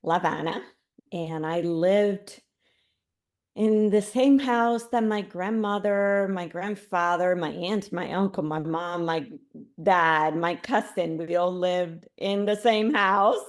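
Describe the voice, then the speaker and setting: A middle-aged Cuban woman appears as a podcast guest and recounts her life story with animation, restarting sentences and laughing. Her voice is lowish and she takes her time.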